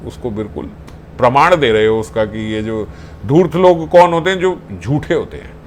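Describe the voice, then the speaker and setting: A man voicing an indignant young maidservant who scolds with sharp, accusing questions. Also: mid-range voice, animated, normal speed, a little hiss or hum, close to an everyday voice. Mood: scornful.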